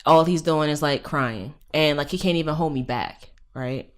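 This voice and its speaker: Appearing as a guest on a podcast interview, a professor in her thirties tells her story candidly and emphatically at normal speed, her voice low-pitched. She swears freely and builds up to forceful rhetorical questions.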